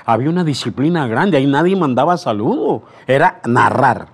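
A man's voice: medium pitch, expressive, brisk, breathy edge. An older man, a veteran radio announcer, telling anecdotes in an interview. He speaks animatedly, acts out dialogue and often restarts his words.

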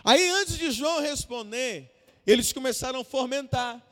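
A man preaching a fervent evangelical sermon, repeating refrains that build up to shouts. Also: extremely high pitch, lively intonation, moderate pace, in a large hall.

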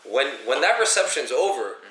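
Young male co-host, emphatic storyteller, bright voice, roomy distant mic. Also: medium pitch, big pitch swings, a little fast. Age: young adult. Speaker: podcast co-host, event DJ/MC. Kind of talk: casual group chat.

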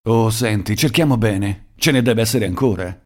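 A man's voice: fairly low pitch, normal speed, lightly acted. A man voicing an eager young woman.

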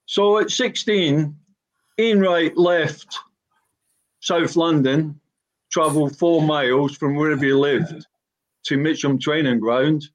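A man's voice: fairly high pitch, takes it slowly, pauses often, low-quality recording. An older man from Glasgow with a broad Scottish accent, a former footballer talking bluntly about his life as a podcast guest. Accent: broad Glaswegian Scottish. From Glasgow, Scotland. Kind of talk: personal reminiscence on a panel talk.

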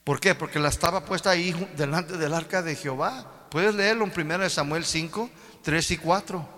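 Male pastor, high bright voice, animated sermon, long hall reverb. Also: normal speed. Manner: animated, repeats "my brothers", asks the congregation questions.

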